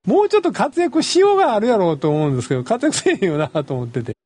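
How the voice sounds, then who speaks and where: A man with a Kansai accent hosting a casual film chat, chatty and quick with backchannels. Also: high voice, sing-song, a little mellow, no echo. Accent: Kansai Japanese. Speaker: podcast host.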